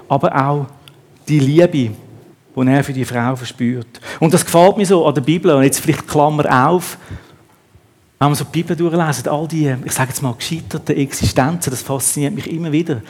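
A man's voice: on the high side, steady tone, a little fast, a little mellow. A man preaching a sermon, acting out the quotes in the story with a raised voice.

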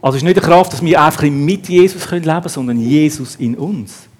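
A man's voice: a little high, quick pace, darkish tone, slightly rough. A man preaching a sermon, acting out the quotes in the story with a raised voice.

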